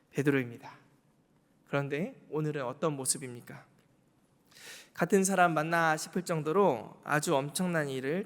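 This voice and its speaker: A man delivers a Wednesday evening sermon in a church sanctuary, his voice sitting slightly high. He leans on rhetorical questions and repeats key words for emphasis. The sound carries a long reverb from the hall. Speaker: pastor.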